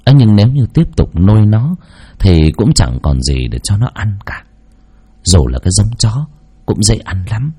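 Male narrator, husky, deep, expressive storytelling delivery. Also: moderate pace. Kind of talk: scripted narration.

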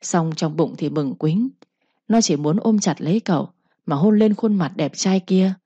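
A woman storyteller giving a steady scripted narration of a romance tale. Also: on the low side, normal speed, breathy edge, no echo. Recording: slightly muffled recording.

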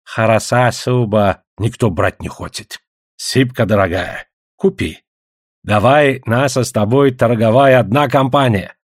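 A man's voice: medium pitch, a little slow, no echo, studio quality, close to an everyday voice. A man voicing a native trader who coaxes and haggles in broken, pidgin-like speech. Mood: coaxing.

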